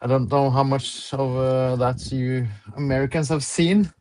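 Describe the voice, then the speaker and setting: Norwegian man calling in, speaks English slowly, lots of pauses and "uh". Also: mid-range voice, steady tone, darkish tone, slight background noise. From Norway. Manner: halting, many "uh"s, laughs between words. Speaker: caller on voice chat.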